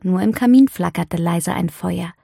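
Husky, gravelly woman reading a storybook. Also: on the low side, moderate pace, warm tone, no echo, clean studio sound. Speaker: audiobook narrator.

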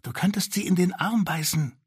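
A man voicing the smallest, timid boy of a group of children in a storybook reading, speaking softly. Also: sits high, moderate pace, breathy edge, no room sound, studio quality, pitched above the performer's own voice. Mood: hushed. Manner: soft, hushed.

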